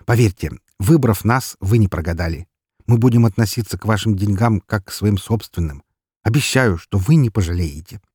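A man playing a smooth, sly swindler. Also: fairly low pitch, lively intonation, normal speed, darkish tone, dry recording, clean studio sound. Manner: smooth salesman's talk turning snappish.

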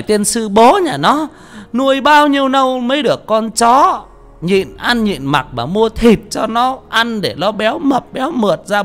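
A man voicing a furious middle-aged village woman who shrieks and wails curses in a high, loud voice. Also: full character voice. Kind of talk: audiobook character voice.

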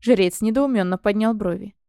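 A woman narrating a fantasy audiobook in the first person with expressive storytelling. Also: medium pitch, normal speed, clean tone, no echo, clean studio sound.

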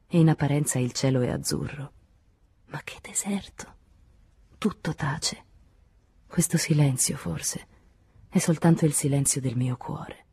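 A woman reading a literary novel aloud as an audiobook, quiet and intimate, often sinking to a whisper. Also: low-pitched, slightly rough. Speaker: audiobook reader.

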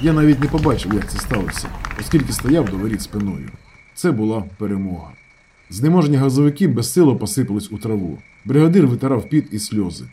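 A man reading a novel aloud as an audiobook narrator, with expressive, dramatic storytelling. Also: fairly low pitch, fast, slight background noise.

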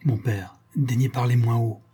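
A man's voice: medium pitch, fairly even intonation, moderate pace, dark tone, breathy edge, soft background music. A man voicing a young nobleman who begs his father urgently. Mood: pleading. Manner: urgent, pleading.

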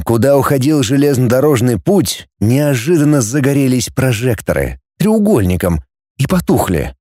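A man narrates an audiobook, his voice soft and mellow as it rises and falls in lively storytelling. The recording is dry and close, with no echo around it. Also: mid-range voice. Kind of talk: scripted narration.

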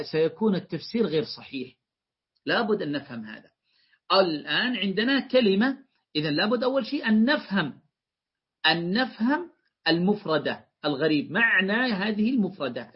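A man with a fairly high, husky voice gives a classroom lecture on Quran interpretation. He reads classical passages aloud, then breaks them down step by step and keeps checking that his students follow. The recording is dull and lo-fi. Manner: explains step by step and often checks that listeners follow. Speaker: teacher commenting on a tafsir text.

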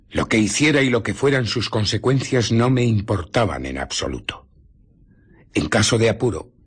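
A man with a Castilian Spanish accent playing an arrogant, amoral scientist who justifies himself in a radio drama, in a theatrical, deliberate storytelling manner. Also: fairly low pitch, husky, full character voice. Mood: boastful. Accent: Spain.

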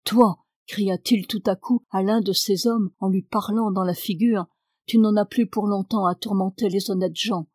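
A woman's voice: mid-range voice, steady tone, moderate pace, darkish tone, no room sound, studio quality, close to an everyday voice. A woman reading the part of a peasant man locked away as a madman, telling his story in an earnest, confiding tone. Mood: pleading.

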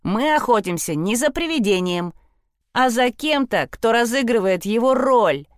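A woman's voice: a little high, lively intonation, a little slow, dry recording, clean studio sound, voice pushed up. A woman doing a bossy, impatient girl. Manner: sharp, scoffing.

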